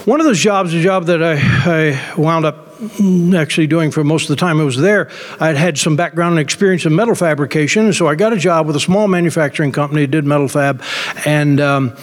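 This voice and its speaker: A man's voice: a little high, brisk. A middle-aged man preaching a sermon as a pastor, telling a story emphatically with many fillers and restarts. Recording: long reverb.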